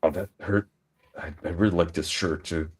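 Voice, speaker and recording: A man with a deep, slightly rough voice speaks at normal speed with fairly even intonation. He's a player in a tabletop roleplay, voicing his character as he describes actions and groans in pain.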